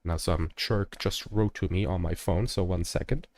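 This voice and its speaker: A man's voice: low voice, moderate pace, darkish tone, no room sound. A young man streaming a strategy game, rambling and jokey in casual commentary, full of fillers.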